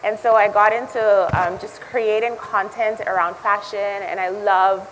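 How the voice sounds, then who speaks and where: A woman's voice: mid-range voice, fairly even intonation, a little slow, slight background noise, rough recording. A woman from Jamaica, introducing herself earnestly as a lifestyle blogger on a panel at an event. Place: event hall.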